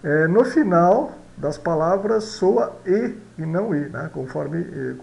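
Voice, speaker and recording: Male teacher, somewhat high and gravelly, slow and patient, drills each word aloud. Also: lively intonation. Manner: patient, repeats each example word several times; checks in often with tag questions. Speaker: language teacher. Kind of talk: recorded pronunciation lesson.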